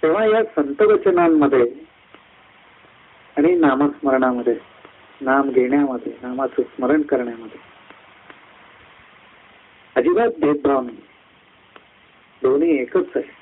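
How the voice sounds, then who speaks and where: A man giving a devotional discourse at a satsang, climbing high through lists of words and slowing down on key phrases. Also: lively intonation, slightly rough. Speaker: satsang speaker. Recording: tinny phone-like line.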